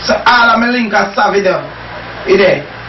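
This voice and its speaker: A man's voice: sits high, lively intonation, moderate pace. A man with a Caribbean accent playing a brash, boastful street gangster in a comedy skit, with repetitive slangy talk. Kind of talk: amateur comedy skit acting. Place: small tiled bedroom. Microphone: camera microphone across the room. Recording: roomy, dull, noisy distant camera audio.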